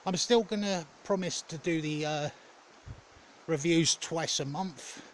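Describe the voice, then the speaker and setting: A man giving a casual, rambling vlog update in a hesitant, halting way, often correcting himself. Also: fairly high pitch, slight background noise. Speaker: gaming content creator.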